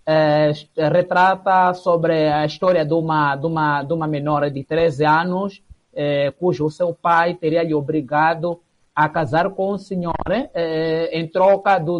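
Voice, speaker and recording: This theatre association member has a voice on the high side, with a steady tone and an unhurried pace. He answers the interviewer's questions haltingly, filling gaps with many fillers. The audio sounds like dull, lo-fi broadcast.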